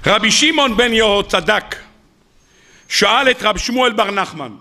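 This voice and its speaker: A rabbi giving a weekly Torah sermon, animated, asking rhetorical questions and acting out the sages he quotes. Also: high-pitched.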